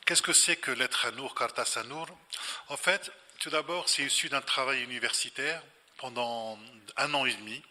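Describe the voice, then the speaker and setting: A man's voice: medium pitch, moderate pace, bright, forceful tone. A man speaking as an invited scholar at a public talk, explaining reflectively and didactically, repeating phrases for emphasis. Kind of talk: explanatory spontaneous lecture answer. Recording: reverberant hall.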